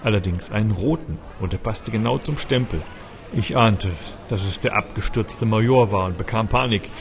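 A man with a fairly low voice narrates a first-person fantasy story. He reads in an earnest, tense manner, like a committed audiobook storyteller. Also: normal speed, vocal fry, background noise.

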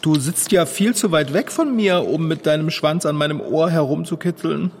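Ein Mann spricht Fahrradschrauber, den ängstlichen Kumpel. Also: male voice, fairly high pitch, moderate pace, darkish tone, slight background noise, lightly acted. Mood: startled. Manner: anxious, easily startled. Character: timid, jumpy male sidekick.

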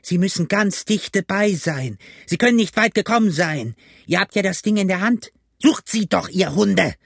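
A man's voice: sits high, lively intonation, normal speed, gravelly, no echo, studio quality, voice pushed up, exaggerated voice. A man voicing a furious blind old pirate beggar who shrieks curses and barks orders at his gang. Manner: shrieking, cursing, barking orders. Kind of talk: audiobook character voice.

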